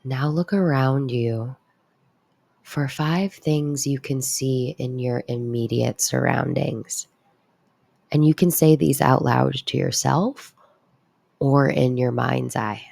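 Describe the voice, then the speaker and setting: A woman counselor leading a calm grounding exercise in a deliberate, instructive way with casual asides. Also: extremely low pitch, vocal fry, dry recording. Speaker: mental health counselor guiding an exercise.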